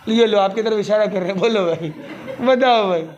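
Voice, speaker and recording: A man with a strikingly high voice addresses a seated audience in a live talk. He is playful and laughs often, teasing listeners and dropping English lines into his Hindi. Faint room ambience sits under his voice. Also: moderate pace, a little mellow, dull audio, a little hiss or hum. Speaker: spiritual speaker addressing an audience.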